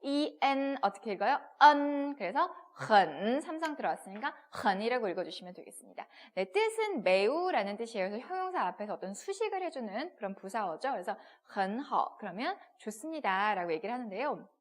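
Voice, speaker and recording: A woman's voice: fairly high pitch, big pitch swings, quick pace, hardly any pauses. A woman teaching Chinese in a textbook video lesson, explaining step by step with rhetorical questions and modelling pronunciations. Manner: models pronunciations in short repeated syllables.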